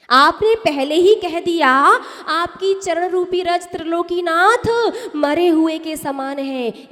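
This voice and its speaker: A woman with a high voice gives a sermon as a nun, speaking very slowly and emphatically. She keeps asking her listeners questions and answering them herself as she explains pronunciation. Her voice rings with the long reverb of a hall. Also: fairly bright tone. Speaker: Jain nun giving a discourse. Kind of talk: sermon teaching correct pronunciation.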